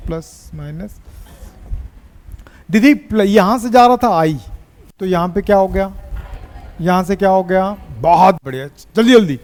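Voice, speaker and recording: A man teaching a physics class, teasing his students and pushing them to answer quickly. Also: high voice, big-room sound.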